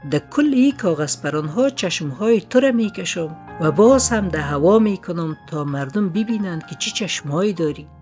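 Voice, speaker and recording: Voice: medium pitch, animated, hardly any pauses, a little mellow, close to an everyday voice. Narrator doing shy young guy, earnest, near the narrator's own voice, light music behind. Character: bashful lovestruck young man, kite maker.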